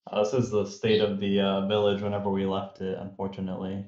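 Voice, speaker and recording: A man's voice: sits low, monotone, quick pace, darkish tone. A man playing a tabletop game, speaking hesitantly with lots of fillers, in dull, roomy audio. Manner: hesitant, filler-heavy speech. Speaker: player. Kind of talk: tabletop game role-play.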